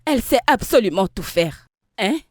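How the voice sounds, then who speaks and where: An actress playing a cheerful, pushy bread seller in a dubbed film, coaxing and chatty. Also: female voice, mid-range voice, sing-song, moderate pace, no echo, studio quality. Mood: persuading.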